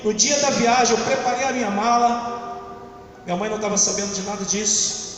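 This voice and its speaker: High-voiced preacher in an echoey hall. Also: male voice, fairly even intonation, a little fast, recorded from a distance. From São Luís, Maranhão, Brazil. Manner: dramatic storytelling with repetition. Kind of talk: testimony sermon. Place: church hall. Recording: echoey church hall from afar with music.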